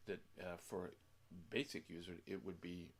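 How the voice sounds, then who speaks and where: A man giving a casual software tutorial, thinking aloud and rambling with many pauses and restarts. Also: sits low, steady tone, gravelly. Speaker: music software tutorial presenter. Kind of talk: casual screen-share tutorial.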